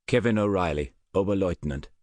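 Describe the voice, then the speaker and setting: A man's voice: sits low, brisk, darkish tone, no echo, close to an everyday voice. A man voicing an earnest, careful German officer who has defected, answering questions politely in an audiobook. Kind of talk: audiobook character voice.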